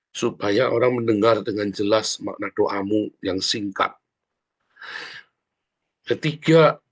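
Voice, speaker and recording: Brief: man pastor, casual and lively sermon delivery, mid-range pitch. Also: slightly rough. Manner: animated, informal preaching that often addresses listeners as brothers and sisters.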